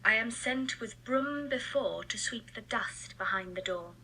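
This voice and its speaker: A woman's voice: fairly high pitch, animated, measured pace, pushed and bright, slight background noise, exaggerated voice, low-quality recording. A woman playing a mischievous night sprite, chanting rhythmic verse in a recorded stage reading. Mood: eerie, incanting. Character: mischievous sprite, playful and nocturnal.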